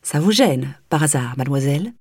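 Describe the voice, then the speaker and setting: A woman voicing a stern, snobbish mother who scolds her daughter sharply and loudly. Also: lowish voice, big pitch swings, moderate pace, husky, no room sound, clean studio sound, heavily acted. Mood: cold menace.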